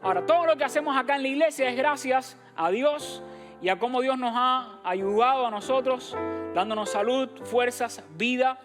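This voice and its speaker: A pastor from Cuba speaks, giving church announcements in a direct, encouraging way. He addresses the listeners as brothers and sisters. Soft instrumental music plays faintly behind him in the sanctuary. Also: very high voice, normal speed.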